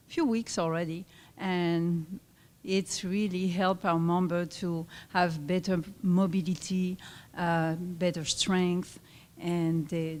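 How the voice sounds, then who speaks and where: A woman with a French accent, a fitness club owner giving a halting live event speech with many fillers and restarts. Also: lowish voice, darkish tone. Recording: reverberant hall.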